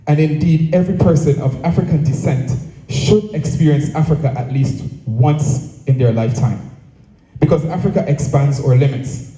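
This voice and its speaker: A Jamaican man, president of an association, gives a prepared public speech at a live event in a measured, rhetorical way, using deliberate phrasing and repetition. His medium-pitched voice is very mellow. The venue is echoey and the microphone distant, so room echo is clearly heard.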